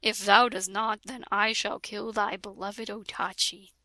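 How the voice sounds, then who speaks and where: A young woman with a medium-pitched, level, sharp voice reads a fan fiction at a measured pace, playing it for laughs. She interrupts herself with jokes and mock-dramatic voices, mixing the dramatic reading with chat, all on a dry recording.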